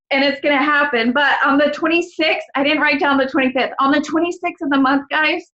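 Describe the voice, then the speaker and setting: A woman's voice: high voice, pushed and bright, highs cut off. A woman on a video call giving an emotional, gushing pep talk to her team, often calling out "guys". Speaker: guest team leader.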